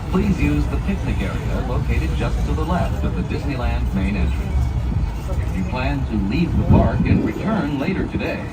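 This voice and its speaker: A man giving a polished, scripted announcement played over an outdoor loudspeaker on a tram. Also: mid-range voice, recorded from a distance, low-quality recording. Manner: polished, measured delivery. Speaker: recorded announcer. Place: open-air tram.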